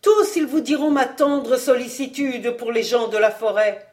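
A woman voicing a terrified, cowardly nobleman pleading for his life, in a loud, raised voice, in an audiobook. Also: a little high, unhurried, pitched above the performer's own voice, natural voice. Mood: desperate.

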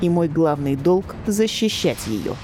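A woman voicing a cold, menacing young male prince who speaks slowly and calmly. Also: sits low, faint music behind, voice pushed down. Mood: resolute. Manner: slow and controlled.

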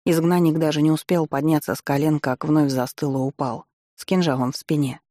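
Wry, expressive audiobook narrator. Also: medium pitch, a little fast, no room sound, clean studio sound. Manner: wry and expressive, ironic asides. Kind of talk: first-person fantasy audiobook narration.

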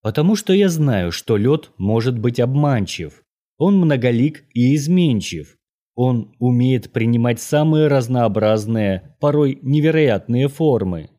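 A man voicing an old Norwegian mage, courteous and menacing, who speaks in a measured, formal, lecturing way. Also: mid-range voice, animated, mellow, lightly acted.

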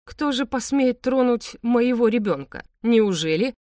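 A woman's voice: fairly low pitch, lively intonation, moderate pace, no room sound, clean studio sound, recorded from a distance, close to an everyday voice. A woman voicing a powerful man who speaks dryly, with sarcasm and curt commands. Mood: cold sarcastic.

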